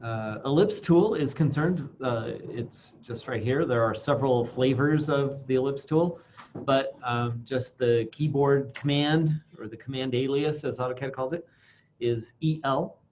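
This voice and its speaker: Male instructor, muffled through a face mask; halting, informal classroom demo delivery, dull recording with faint noise. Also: medium pitch, darkish tone. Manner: halting, thinking aloud. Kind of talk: informal classroom software demonstration.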